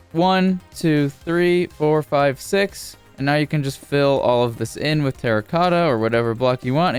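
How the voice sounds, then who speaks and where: A man narrating a casual game building tutorial as a YouTuber, speaking informally in a steady, repetitive cadence. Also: fairly high pitch, clear, resonant tone.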